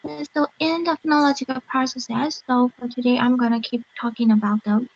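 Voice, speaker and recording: A woman's voice: high-pitched, steady tone, brisk, vocal fry, lo-fi sound. A woman student giving an online class presentation, speaking hesitantly with many fillers and frequent self-corrections. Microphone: video call.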